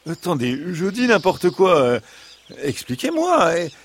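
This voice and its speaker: A cunning male fox from a bedtime audio tale, as a male narrator puts him on, pitched noticeably higher than a normal speaking voice. He pleads and persuades in a smooth, wheedling, falsely reasonable tone, always angling to be let in. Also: wildly swooping pitch, unhurried, full character voice.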